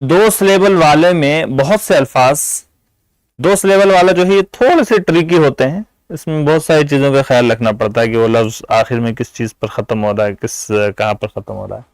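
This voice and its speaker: A man giving an English grammar lesson, explaining patiently in Urdu-flavoured Hindi and repeating example words slowly. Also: medium pitch, no echo, rough recording. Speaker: English teacher.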